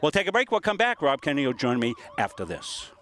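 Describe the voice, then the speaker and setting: Male sports announcer, mid pitch, pregame interview, faint music behind. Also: wildly swooping pitch, fast talker, a bit bright. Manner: announcer delivery with filler "uh"s. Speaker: sports broadcaster.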